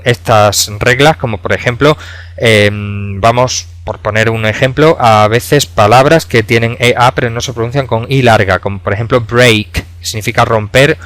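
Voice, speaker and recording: A man in his thirties teaching English pronunciation in a video lesson, explaining patiently with many pauses and fillers. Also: mid-range voice, a bit bright, no room sound. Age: 30s. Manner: explanatory, hesitant with frequent fillers.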